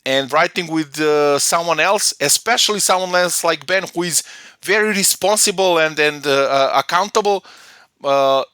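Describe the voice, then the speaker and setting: A man's voice: fairly high pitch, moderate pace, bright, forceful tone, no room sound. A man from Serbia, a guest in a conversational interview, talking hesitantly with many fillers and restarts. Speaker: guest, data platform consultant.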